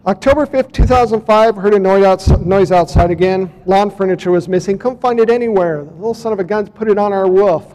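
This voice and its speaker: A man's voice: sits high, brisk, hardly any pauses, dark tone, long reverb tail. A man telling his story to a conference audience in a casual way, reading out dates and talking to the crowd. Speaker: speaker at a UFO conference. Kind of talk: conference talk presenting photos and clips. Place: conference hall.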